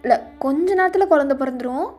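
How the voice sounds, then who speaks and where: A woman voicing a gentle, loving young husband who soothes his pregnant wife in a fan audio drama, with soft music behind. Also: high voice, quick pace, lightly acted. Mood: reassuring. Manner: soothing, reassuring.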